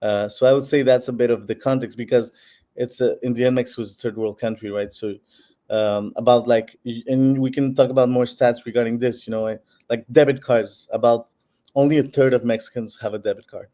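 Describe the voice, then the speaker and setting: With a warm, medium-pitched voice and fairly even intonation, this Peruvian man talks a little fast. As founder of a bitcoin platform, he answers interview questions explanatorily, peppered with fillers and restarts.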